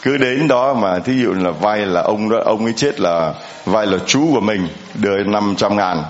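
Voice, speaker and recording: A male priest with a lowish voice gives a homily at normal speed, chatting conversationally and putting questions to the congregation. The church is echoey and the sound slightly muffled.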